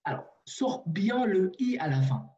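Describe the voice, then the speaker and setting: A man's voice: high voice, very animated, unhurried, warm tone, highs cut off. A man teaching a language online in a patient way, repeating himself with many fillers and restarts, over a video call.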